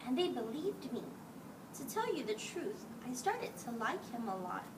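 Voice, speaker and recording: A woman's high voice swings widely in pitch as she reads a children's picture book at normal speed, performing the dialogue expressively as their teacher. Captured from afar, the audio carries a clearly noisy background.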